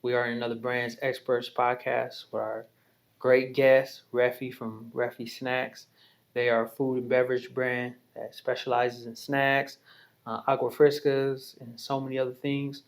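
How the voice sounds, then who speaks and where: A podcast host leads an interview in a chatty, encouraging manner, often tossing in "right?" and "you know". His medium-pitched voice is level in tone and measured in pace.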